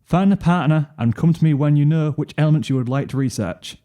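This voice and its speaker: A man voices a businesslike school chemistry teacher in a story, briskly giving the class matter-of-fact instructions in a slightly high, mellow, lightly acted voice. Piano music plays under his businesslike announcing.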